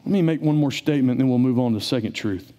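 A middle-aged man, preaching a sermon in a church in an animated, conversational way. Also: quick pace. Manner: animated, conversational preaching, rising to emphatic high peaks. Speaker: pastor. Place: church sanctuary.

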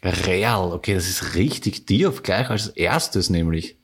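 Lässiger Wiener Podcaster mit rauer Stimme. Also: male voice, low voice, animated, slow, a bit bright, breathy edge. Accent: Viennese. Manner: laid-back, joking, heavy dialect slang. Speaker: podcast co-host. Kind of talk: casual chat.

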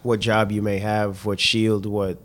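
A man co-hosting a casual podcast, making blunt quips and measured serious points. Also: lowish voice, flat delivery, fairly bright tone. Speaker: podcast co-host.

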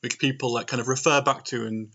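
A man's voice: medium pitch, steady tone, brisk, sharp tone. A man co-hosting a casual podcast from home, speaking hesitantly with many fillers, his voice tinny from a laptop microphone. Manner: hesitant, full of "um" and "like". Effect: tinny laptop-mic sound. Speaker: podcast co-host. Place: home during isolation. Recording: dull lo-fi laptop recording.

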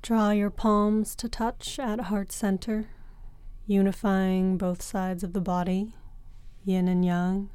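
A woman guides a breathing meditation as a yoga teacher, talking very slowly and softly with long pauses between phrases. Her voice is mellow and smooth. The recording is close and dry, with no room sound. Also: mid-range voice, little pitch movement, no echo. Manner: slow, soft and soothing, with long pauses.

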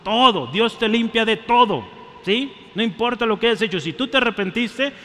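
A man's voice: extremely high pitch, expressive, moderate pace, fairly bright tone, big-room sound. A man preaching a sermon with energy, calling out to the congregation and drawing it in. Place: church.

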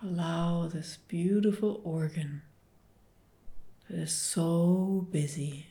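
A woman leading a guided relaxation meditation, speaking softly and partly in whispers. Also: lowish voice, steady tone. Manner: soft, slow, soothing, partly whispered.

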